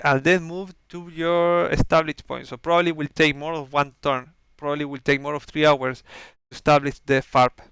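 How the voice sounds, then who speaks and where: Slow, very clear man with non-native English. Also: a little high, a bit bright, no room sound. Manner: halting, searching for words, methodical. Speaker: organizer briefing players on campaign rules. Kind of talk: explanatory game briefing, partly improvised.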